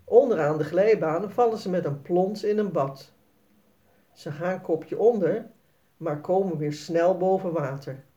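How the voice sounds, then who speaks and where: A woman narrating a children's story read aloud in a clear storytelling manner. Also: on the low side, a little slow, warm tone, lo-fi sound.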